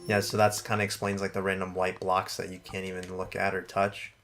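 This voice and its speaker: A man's voice: low-pitched, monotone, brisk, a bit bright. A man co-hosting a let's play, chatting casually about the game. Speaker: gaming show co-host.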